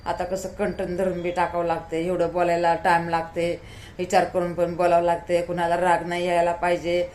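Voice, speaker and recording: A woman's voice: lowish voice, completely flat delivery, moderate pace, a little mellow. A woman vlogger talking to her viewers in a tired, pleading, heartfelt way, often repeating herself. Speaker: YouTuber. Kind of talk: emotional talk to camera.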